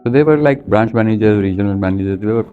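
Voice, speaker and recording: Speaking fast in a lowish voice, this interview guest, a man from India in his seventies with an Indian accent, tells his life story in a down-to-earth, anecdotal, chatty manner. The sound has phone quality, with quiet music underneath.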